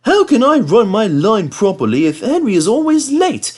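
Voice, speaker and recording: A man puts on a cheeky young storybook engine, pitched well above normal talk. He is impatient and huffy, with a sing-song lilt that swings up and down. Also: wildly swooping pitch, normal speed, a little mellow, heavily acted. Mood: cross, huffy. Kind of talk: children's storybook character voice.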